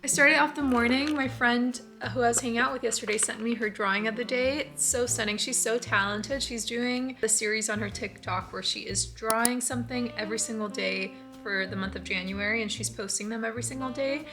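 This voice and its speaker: A young woman talks through her week in a loose, rambling vlog style, thinking aloud as she goes. Her voice sits a little high. Soft music plays faintly behind her. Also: fairly even intonation, fairly quick, hardly any pauses. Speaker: vlogger. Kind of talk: casual vlog narration.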